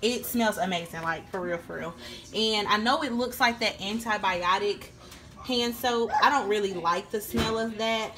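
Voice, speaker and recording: A woman's voice: mid-range voice, moderate pace, a bit bright. A young woman, chatting casually to viewers in her kitchen while showing off her groceries. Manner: chatty, addresses viewers as y'all and guys. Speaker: vlogger. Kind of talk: casual grocery haul vlog. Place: home kitchen, indoors.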